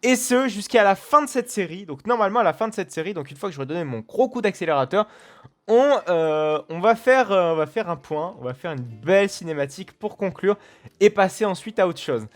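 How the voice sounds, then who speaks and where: A man's voice: high voice, expressive, brisk, soft background music. A man hosting a let's play, giving casual, rambling commentary full of fillers and restarts.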